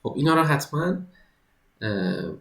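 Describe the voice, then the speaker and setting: Man teaching, slow English, Persian explanations. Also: medium pitch, lively intonation, reverberant, low-quality recording. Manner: reads English sentences slowly, then explains them in Persian. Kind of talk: exam-prep lesson.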